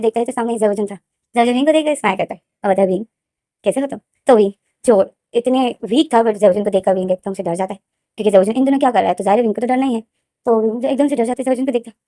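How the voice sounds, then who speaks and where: A woman retells a story in a chatty, giggly manner, slipping English words in. Her voice sits a bit high and races along. The sound is dry and close. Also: mellow, no echo. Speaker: fan fiction explainer.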